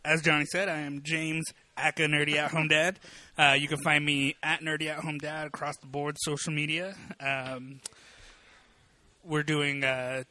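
Male podcast co-host, crisp bright voice, dry close mic, meandering. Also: on the high side, level tone, moderate pace, no room sound. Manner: rambling, hesitant fillers. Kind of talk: casual chat.

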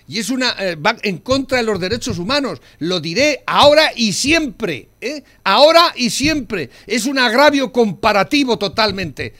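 A man's voice: high-pitched, a bit bright. An older man with a Spanish accent from Spain, co-hosting a talk show and ranting in outrage, tagging lines with "¿eh?". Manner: indignant, ranting, repeats "¿eh?". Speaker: co-host. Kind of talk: heated talk show chat.

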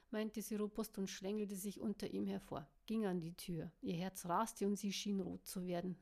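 A woman's voice: medium pitch, vocal fry, a little mellow. A woman reading her own novel aloud in plain narration with the odd small slip.

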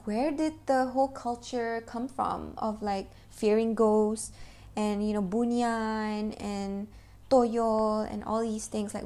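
A woman's voice: mid-range voice, darkish tone. A young woman hosting a solo podcast, rambling casually and bluntly with frequent swearing. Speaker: podcast host.

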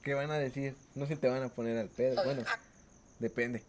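A man's voice: mid-range voice, fairly even intonation, fairly quick, darkish tone, slight background noise. A man with a Mexican accent, cracking jokes and crude slang in a casual chat. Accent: Mexican Spanish. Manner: joking interjections, crude slang. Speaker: podcast co-host.

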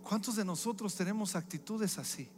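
High-voiced man preaching in a hall. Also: a little fast, a little mellow. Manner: emphatic, repetitive preaching cadence. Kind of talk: sermon. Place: church hall. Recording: echoey hall with faint music.

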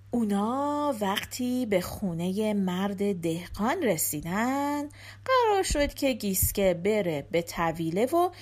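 A woman reading a folk tale aloud with expressive, animated delivery. Her voice sits high and swoops widely as she moves the story along. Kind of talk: scripted narration of a folk tale.

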